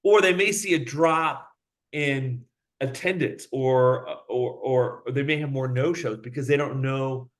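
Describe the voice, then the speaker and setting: Being interviewed as the head of a company, this man speaks quickly and with lots of animation in a medium-pitched voice, imitating the voices of the characters in his anecdotes.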